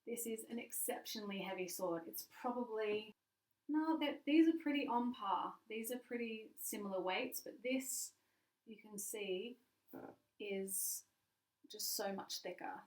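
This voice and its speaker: A woman's voice: medium pitch, unhurried, darkish tone. A woman sword swallower giving a casual, frank show-and-tell, explaining informally and stressing key words. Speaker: sword swallower, stage performer. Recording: echoey room, distant mic.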